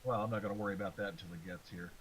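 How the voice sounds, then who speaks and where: A man's voice: lowish voice, fairly even intonation, rapid-fire, fairly bright tone, poor audio. Laid-back man playing a tabletop game. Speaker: player. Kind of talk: casual tabletop play. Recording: faint hiss.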